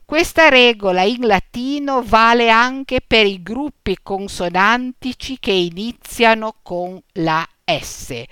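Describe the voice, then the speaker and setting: A woman reading a lesson on Latin pronunciation, slow and deliberate, spelling out letters and example words. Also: a little high, fairly bright tone, smooth, no room sound, studio quality. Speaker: teacher.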